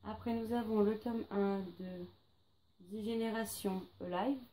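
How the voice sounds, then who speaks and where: Female book vlogger, mellow and relaxed, chatty with fillers; light background hiss. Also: medium pitch, unhurried. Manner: chatty, lists titles with many fillers. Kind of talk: casual to-read pile presentation.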